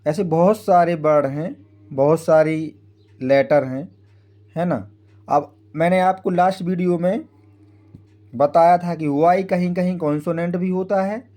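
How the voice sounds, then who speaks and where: A man's voice: on the high side, mellow. A man teaching English phonics in Hindi, spelling words out letter by letter and often checking in with the listener. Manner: frequent tag "है ना" checking with the viewer.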